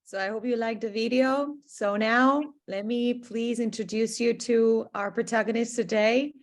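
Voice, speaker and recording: A woman hosting a virtual program event over a video call, talking in a halting way with many pauses and ums. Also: fairly high pitch, steady tone. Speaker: program host.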